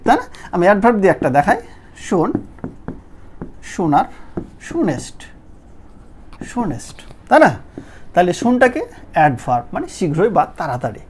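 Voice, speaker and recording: Lively woman teaching grammar at a board. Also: medium pitch. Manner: explains step by step, checks in with the listener often; draws words out syllable by syllable as examples. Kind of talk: spoken lesson at a board. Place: classroom-style video with a board.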